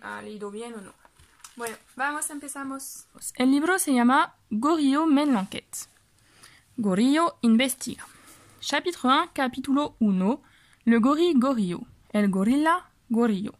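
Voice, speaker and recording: Slow, patient woman teaching French. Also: fairly high pitch. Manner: patient, repeats words slowly with fillers. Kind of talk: reading lesson, slow explanation.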